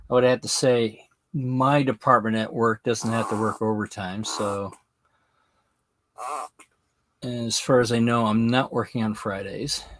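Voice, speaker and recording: Slow gravelly man thinking aloud. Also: mid-range voice. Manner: slow, halting, thinking aloud while working. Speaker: hobby livestream host. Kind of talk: casual livestream commentary while crafting.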